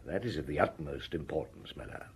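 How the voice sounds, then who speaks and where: A middle-aged man playing a seasoned, calm police chief inspector in an audio drama, musing and probing in a deliberate way. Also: very deep voice, a little hiss or hum. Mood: probing, assured.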